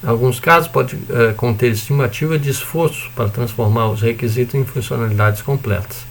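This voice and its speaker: A man's voice: medium pitch, fairly quick, slight background noise. A man with a Brazilian accent giving an informal recorded lecture, explaining in a chatty way with frequent tag questions and the odd joking swear word. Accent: Brazilian Portuguese. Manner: mild swearing and joking asides. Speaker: university lecturer.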